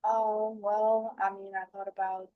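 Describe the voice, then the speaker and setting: A dejected, down-on-her-luck woman as acted in a counseling role play confides in a counselor. Her voice is middle-pitched, and she talks in a downcast, halting way. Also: flat delivery, lo-fi sound, close to an everyday voice. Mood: hopeless, hesitant. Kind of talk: mock counseling session.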